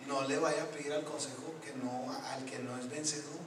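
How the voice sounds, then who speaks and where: A man's voice: fairly high pitch, steady tone, normal speed, background noise. Echoey, distant, joking male preacher. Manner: emphatic and joking, addressing the congregation directly. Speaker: guest preacher. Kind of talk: Pentecostal-style sermon with call and response. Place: church service before a responding congregation. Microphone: distant from the microphone. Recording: echoey church hall from far off, congregation audible.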